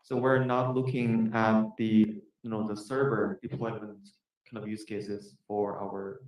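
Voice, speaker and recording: A man's voice: on the low side, level tone, measured pace, darkish tone. A man presenter answering an audience question, explaining plainly. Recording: very echoey hall, distant mic.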